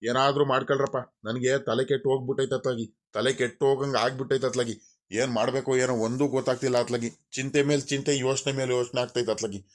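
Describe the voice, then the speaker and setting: A man's voice: mid-range voice, flat delivery, fast, lightly acted. A man voicing a scolding village father. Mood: fretful. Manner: scolding, grumbling, repeats himself. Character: angry worried father, village landowner, middle-aged man. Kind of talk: cartoon voice acting.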